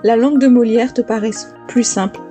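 A woman hosting a podcast language lesson, explaining pronunciation clearly and slowing down to spell out examples. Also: a little high, soft background music. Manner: lively, clear teaching with slow, spelled-out examples. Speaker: French teacher and podcast host.

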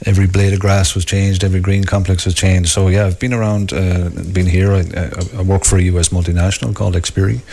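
A man's voice: low voice, level tone, fast talker, hardly any pauses, mellow. A man from Ireland with a Wexford accent, speaking informally as a golf club captain being interviewed. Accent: Wexford Irish. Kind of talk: informal live radio interview.

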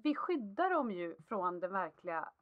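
A woman's voice: medium pitch, big pitch swings, lo-fi sound. A woman in casual chat who asks questions and sympathizes.

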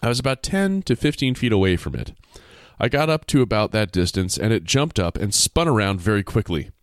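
A man's voice: on the low side, big pitch swings, brisk, no room sound, clean studio sound. A man co-hosting a casual podcast, reading a story aloud with playful jokey asides. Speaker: podcast co-host reading stories.

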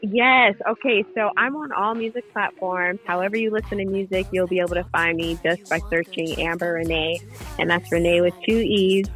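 A woman singer being interviewed in a casual chat, bubbly and excitable, laughing often as she talks about her music. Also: fairly low pitch, moderate pace. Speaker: singer guest.

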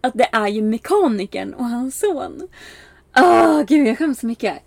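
A young woman casually telling a story, animated, with many fillers, acting out the lines of people she quotes. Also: on the high side, no echo. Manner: animated, acts out quoted exchanges with bright raised voice; frequent filler "bara" and "liksom", laughs at herself.

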